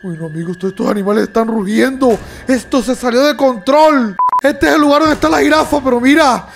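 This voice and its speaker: A young man commenting on a horror video game in an excitable way, yelping, laughing and talking straight to his viewers. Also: very high voice, fairly quick, gravelly, background noise. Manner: excitable, yelps and laughs, talks to viewers as "amigos". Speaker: gaming YouTuber.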